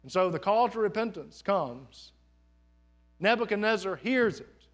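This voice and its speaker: A man's voice: sits high, lively intonation, a little slow. A man pastor preaching a live sermon in a church, in an earnest, conversational way with folksy asides. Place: church sanctuary.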